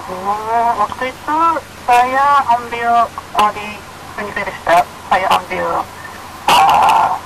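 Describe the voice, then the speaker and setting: Creaky-voiced Japanese woman speaking halting Indonesian. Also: medium pitch. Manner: foreigner speaking Indonesian, halting with pauses between phrases. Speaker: radio guest. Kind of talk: unscripted interview answers. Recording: clearly noisy line.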